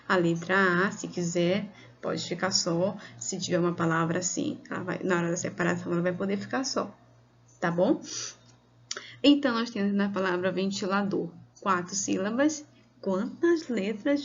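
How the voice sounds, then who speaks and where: A woman teacher with a Brazilian Portuguese accent giving a video lesson to children, speaking slowly and patiently and drawing out words. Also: mid-range voice, animated, slightly rough, dull audio.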